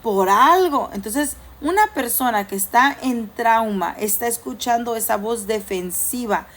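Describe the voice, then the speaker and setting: A woman preaching a sermon with a somewhat high voice. She talks to the congregation in a loose, conversational way. She sometimes acts out inner voices and jokes. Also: measured pace. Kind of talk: church sermon.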